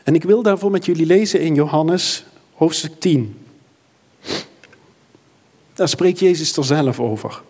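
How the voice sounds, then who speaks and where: A man's voice: on the high side, unhurried, long pauses, a little mellow, big-room sound. A man preaching a sermon and leading prayer in a church, earnest and building to fervent emphasis. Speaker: pastor.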